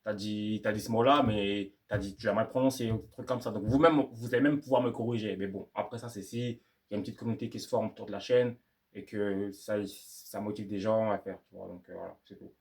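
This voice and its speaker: In a brisk, steady, lowish voice with a darkish tone, a young man addresses the camera about learning English. The vlog is a casual monologue in slangy French, full of rambling and repetition.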